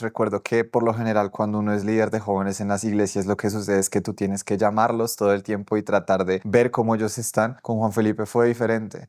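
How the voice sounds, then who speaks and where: A man's voice: on the low side, darkish tone, no room sound, studio quality. A young man and youth leader telling a personal faith testimony in an earnest, emotional way.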